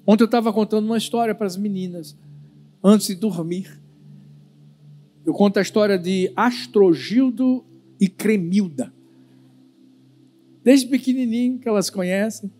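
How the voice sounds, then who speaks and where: A male pastor giving a sermon as an animated storyteller who uses dramatic pauses. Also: high voice, faint music behind.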